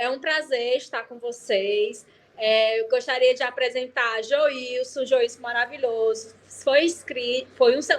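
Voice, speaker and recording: A non-binary presenter with a high, light voice opens an online event over a video call. The introduction is scripted but broken up by small hesitant fillers. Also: fairly bright tone. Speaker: festival presenter.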